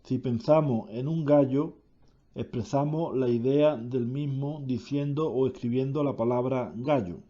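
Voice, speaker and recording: Guy reading grammar notes real slow, fixes his slips, muffled low-fi sound. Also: warm tone. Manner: slow, deliberate reading with self-corrections. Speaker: teacher reading a grammar lesson. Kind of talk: reading a grammar lesson aloud.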